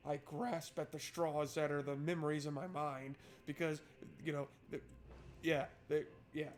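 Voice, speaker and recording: A gaming video host runs a let's play, chatting in an informal, playful way and reading game text aloud over game music. His voice is a little high with little pitch movement, at a moderate pace.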